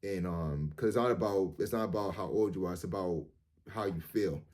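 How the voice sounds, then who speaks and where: A vlogger in his thirties, with a low, deep and darkish voice, delivers a casual monologue straight to camera. He rambles and restarts, repeats words, and fills pauses with "um" and "you know", while his tone stays earnest and motivational.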